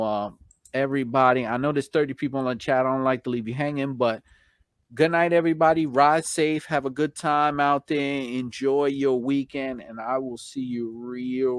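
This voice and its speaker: Slightly hoarse after hours of talking, this man hosts a casual live stream full of informal chat and slangy viewer shout-outs. His pitch sits in the middle range, and there's no echo.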